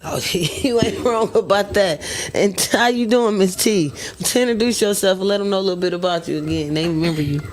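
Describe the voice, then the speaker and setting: A man's voice: high voice, fairly quick, a little hiss or hum. A man hosting a casual interview in informal, slangy talk. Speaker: interview host.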